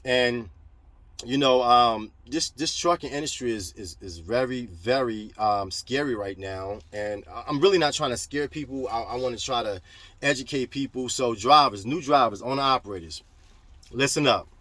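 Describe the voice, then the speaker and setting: A man's voice: mid-range voice, moderate pace, a bit bright. A middle-aged American man talking casually to viewers in a rambling, plain-spoken vlog style, repeating phrases as he gives advice. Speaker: vlogger and trucking business owner. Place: in a parked truck cab.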